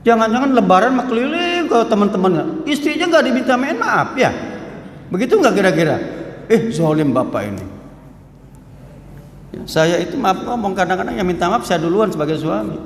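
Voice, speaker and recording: A man's voice: sits high, big pitch swings, fairly quick. A man giving a hadith study sermon in a mosque. He talks in a joking, conversational way and reads Arabic lines before explaining them. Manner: jokey, conversational, quotes Arabic then explains. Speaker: preacher. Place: mosque hall. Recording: echoey hall with faint ambience.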